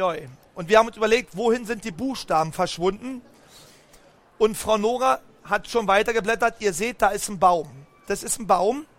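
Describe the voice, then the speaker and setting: A man telling a lively story to children, speaking straight to them and asking them questions. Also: high voice. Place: book fair stand.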